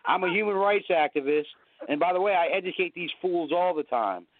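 A man's voice: sits high, lively intonation, brisk, no room sound. An older man calling in to a talk show, blunt and combative, his voice muffled as if heard through a wall. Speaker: caller. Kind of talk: heated call-in talk. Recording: muffled dry phone-line call.

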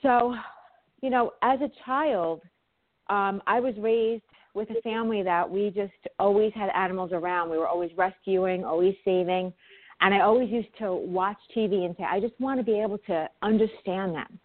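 Fast-talking New York woman on phone. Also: mid-range voice, no echo. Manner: quick, heartfelt talk with ums. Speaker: guest, animal communicator. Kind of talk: casual interview chat. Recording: dry, tinny phone-like line.

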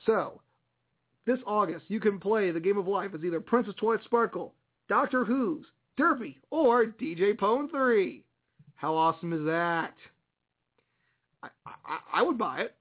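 A man's voice: high voice, normal speed, long pauses. A man hosting a radio show with casual, chatty news commentary, musing aloud as he goes. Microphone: internet radio broadcast. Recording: tinny, phone-like internet radio sound.

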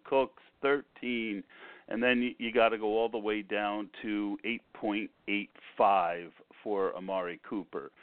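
Male podcast host, lowish voice, slightly sick, halting casual sports commentary over a narrow, tinny phone connection. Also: no room sound. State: a little under the weather. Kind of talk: casual fantasy football commentary. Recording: tinny phone-line sound.

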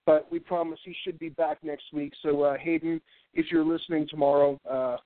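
This clip has a slightly high, flat-voiced New Hampshire man at a moderate pace, hosting a casual radio show with jokey rambling and stammering. Stuffy and breathing through his mouth, he uses a thin mic curled close to his face, giving a dry, thin, phone-like sound.

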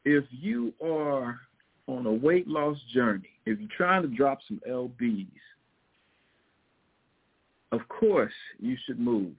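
A man's voice: mid-range voice, expressive, slow, vocal fry, long pauses, husky. A man with a Missouri twang giving casual, motivational coaching advice in a folksy, emphatic way, repeating his key points. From Missouri, United States. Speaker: fitness and weight loss coach. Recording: thin phone-like audio.

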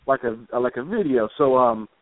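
Animated and speaking at normal speed, a medium-pitched man who writes comics and plays music rambles a little as an informal interview guest. The casual conversation runs over a tinny line without any room sound.

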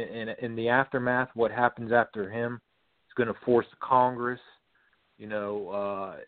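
A man's voice: lowish voice, no echo. A man calling in to a talk show, rambling and hesitant as he makes his point. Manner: rambling, hesitant, leans on "you know". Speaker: caller. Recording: tinny phone line.

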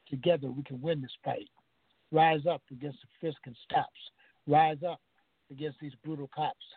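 A man's voice: on the high side, gravelly, husky, no room sound. A man calling in over the phone who recites a spoken-word poem in a rhythmic way, with strong refrains. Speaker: caller reciting his poem. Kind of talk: spoken-word poetry reading. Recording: tinny dry phone line.

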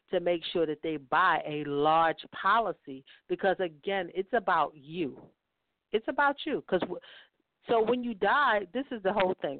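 A guest financial speaker on a talk show, a woman with a lowish voice, gives financial advice and drives her points home by repeating key phrases. There's no echo, though the audio has a tinny phone-line quality.

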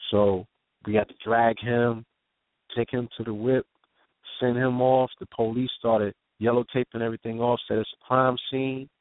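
A man's voice: medium pitch, little pitch movement, normal speed, dry recording. Man on a tinny phone line. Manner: street slang, repeats "you know what I'm saying"; intense, vivid eyewitness retelling. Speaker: guest telling a personal story. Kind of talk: raw conversational storytelling.

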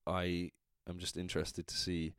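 A man's voice: deep voice, completely flat delivery, moderate pace, a bit bright, clean tone, no echo, clean studio sound. A drunk man with an English accent, chatting casually as a solo podcast host, rambling, interrupting himself and trailing off. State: drunk, tipsy.

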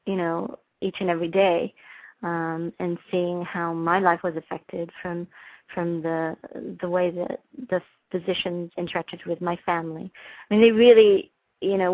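A woman from England, a family physician, talking earnestly in an interview with many pauses and ums. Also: lowish voice, no room sound. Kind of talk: casual interview talk. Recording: dry, phone-like narrow sound.

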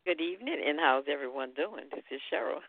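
A woman calling in to a talk show over a landline phone, giving measured, earnest opinions. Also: sits low, lively intonation, gravelly, no echo. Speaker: caller. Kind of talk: call-in talk radio. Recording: tinny dry phone line.

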